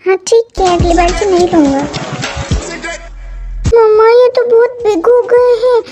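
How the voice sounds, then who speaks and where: A woman's voice: very high-pitched, measured pace, music in the background. A woman voicing a whiny young man who begs and sulks in a tearful, insistent way in a hobby audio story. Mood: pleading.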